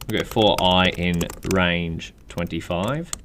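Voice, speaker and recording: A man with an Australian accent, talking through a coding tutorial in a relaxed, chatty way and thinking aloud while he types. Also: low-pitched, slow pace, slight background noise. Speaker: programming instructor. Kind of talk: screen-recorded coding tutorial. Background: keyboard typing.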